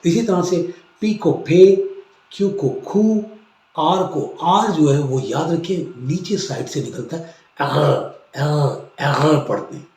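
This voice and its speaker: Slow, mellow-voiced male language teacher. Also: a little high, echoey room. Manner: slow, explanatory, repeats words for drilling. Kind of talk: classroom-style language lesson.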